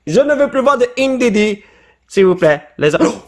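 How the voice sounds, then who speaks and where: Hyped guy opening cards late at night, high voice, bouncing all over, half asleep but loud. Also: normal speed. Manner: excitable, shouts and laughs at pulls, mixes in English words. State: short on sleep. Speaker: YouTuber opening Pokémon cards. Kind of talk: casual vlog chat.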